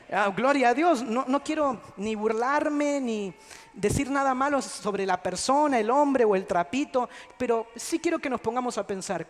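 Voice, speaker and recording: An Argentine man delivers a sermon in a voice pitched unusually high for a man. His delivery swings between quick, hushed asides and sudden shouted lines. The sound carries the long reverb of a large church hall. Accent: Argentine Spanish. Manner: dynamic delivery, swings from soft asides to loud outbursts. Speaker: preacher.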